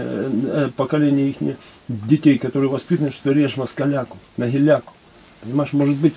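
A man with a mellow, slightly raised voice speaks slowly and reflectively in a casual group talk. Faint background noise surrounds him in a small indoor pavilion. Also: on the high side, poor audio. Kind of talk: casual chat.

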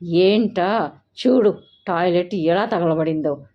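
A woman's voice: fairly low pitch, slow. A woman doing a bossy hot-tempered husband. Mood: angry. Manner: scolding, commanding, shouting. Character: bossy short-tempered young husband, government clerk. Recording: dull lo-fi recording.

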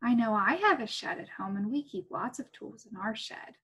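A woman teaching a first grade class, reading a picture book aloud in a playful, gentle way and making animal sounds. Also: a little high, animated, normal speed, lo-fi sound, a little hiss or hum. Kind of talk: read-aloud lesson for young children. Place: home.

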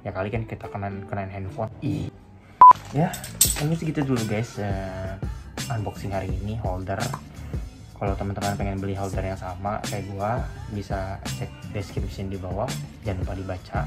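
Loud music plays behind a young Indonesian man's low, fairly even voice as he talks at normal speed. Reviewing a phone holder beside a motorbike in a small room, he keeps things chatty in Jakarta slang and calls his viewers "guys."

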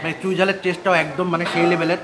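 A man's voice: sits high, little pitch movement, very fast, low-quality recording. A man from Bangladesh hosting a casual food review vlog, talking with his mouth full as he chews, eager and chatty, mixing in English words. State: chewing while talking. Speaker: food vlogger host. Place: busy restaurant, indoors. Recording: loud crowd behind in busy eatery.

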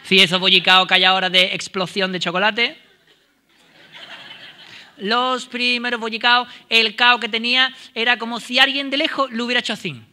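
A man doing a stand-up comedy monologue on a theater stage, animated and acting out the voices of the people in his stories. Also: extremely high pitch, normal speed. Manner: animated, acts out quoted voices.

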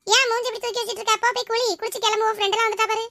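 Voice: very high-pitched, level tone, racing, bright, forceful tone, voice pushed up, heavily acted. A girl voicing a cheerful, teasing elder sister-in-law in a family skit, coaxing and firm.

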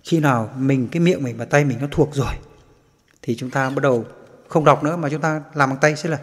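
A man's voice: medium pitch, brisk. Man teaching guitar in an echoey room. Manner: patient, repeats strum counts aloud. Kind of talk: casual spoken lesson.

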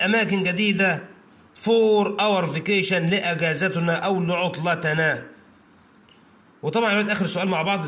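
High-voiced Egyptian teacher drilling children. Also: male voice, a bit bright. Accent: Egyptian Arabic. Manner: repeats phrases slowly word by word, drawn out; often calls out to the children. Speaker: English teacher. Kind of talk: classroom lesson for children.

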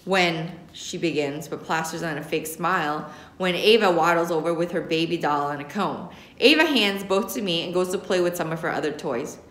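In a spacious classroom, an American teacher reads a young adult novel aloud expressively while a nearby camera records her. Her lowish, somewhat bright voice keeps a normal speed with few pauses.

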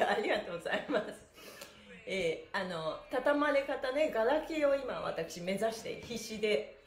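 Hosting an upbeat livestream workout, this middle-aged pantomime and stretching instructor speaks at a medium pitch, full of exclamations and frequent laughter. Her cheerful, animated encouragement echoes around the small bare room, picked up by a device mic placed a short distance away.

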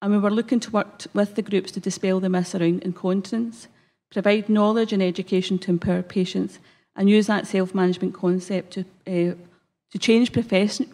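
Scottish woman with a broad accent, evenly pitched. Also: warm tone. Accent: broad Scottish, Glasgow area. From Scotland. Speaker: conference speaker, health service manager. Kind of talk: prepared conference presentation. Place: conference hall stage. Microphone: lectern gooseneck microphone.

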